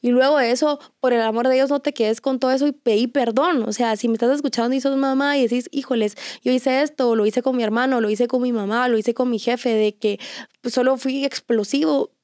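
A woman talks in a high, bright register. She speaks earnestly about faith and often doubles back on phrases for emphasis. The recording is dry and close to the mic. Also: fairly even intonation, brisk, dry recording. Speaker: mother.

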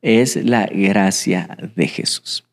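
A young man preaching a sermon, swinging between excited bursts and hushed, reflective passages. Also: sits low, very slow, gravelly. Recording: hall with long reverb.

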